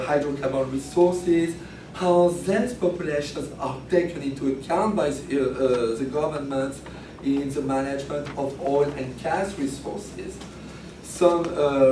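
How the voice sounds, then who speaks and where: A man with a hoarse, grating voice reading formal opening remarks as a research professor, stumbling and correcting himself. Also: on the high side. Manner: halting delivery with frequent stumbles and self-corrections. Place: echoey room at a workshop, indoors. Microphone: distant from the speaker. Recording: noisy, echoey room, distant microphone.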